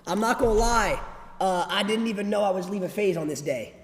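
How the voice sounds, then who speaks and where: A man's voice: high-pitched, fairly quick. A young man chatting casually to livestream viewers in slang and repeating himself. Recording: echoey reverberant room with background noise.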